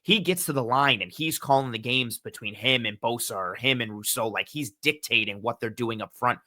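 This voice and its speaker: Bright-voiced man breaking down football. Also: mid-range voice, normal speed, no echo. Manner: animated storytelling with quoted voices. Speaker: team analyst guest. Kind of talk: casual sports podcast chat.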